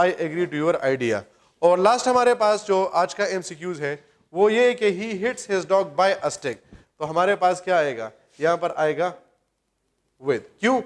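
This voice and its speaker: High-voiced man teaching grammar. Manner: explains step by step, asking and answering his own questions; slows down to read example sentences aloud. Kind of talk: grammar lecture.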